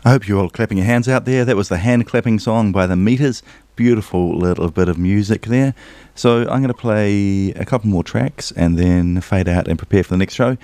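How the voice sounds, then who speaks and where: Low-voiced New radio DJ. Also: male voice, brisk, dark tone, no room sound. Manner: chatty, rambling, upbeat between songs. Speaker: radio DJ and host. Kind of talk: casual radio DJ links. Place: radio studio. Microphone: studio microphone.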